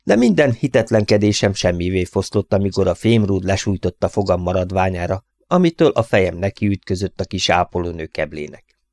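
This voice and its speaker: A man with a low, gravelly voice reads a humorous first-person story aloud. His delivery swings widely in pitch as he tells it. The recording is dry and close, with no room sound. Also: expressive, darkish tone, dry recording. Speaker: audiobook narrator. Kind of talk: first-person audiobook narration.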